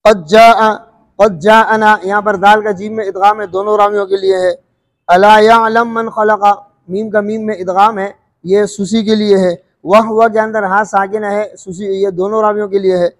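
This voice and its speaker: A man teaching rules of Quran recitation, explaining calmly and drawing out recited words slowly, often asking if it is understood. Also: high voice, long reverb tail. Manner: slow drawn-out recited examples between explanations; checks understanding with questions.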